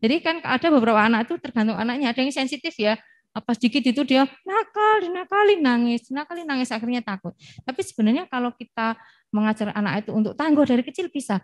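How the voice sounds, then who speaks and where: A woman's voice: high-pitched, expressive, quick pace, no room sound. A middle-aged woman, an early childhood education expert, explaining as a talk show guest and giving worked examples of how to talk to children.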